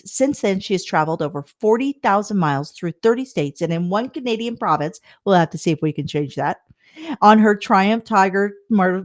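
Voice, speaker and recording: A woman hosting a podcast, speaking earnestly and leaning hard on key words as she introduces her guest. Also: on the low side. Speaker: podcast host. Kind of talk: podcast interview.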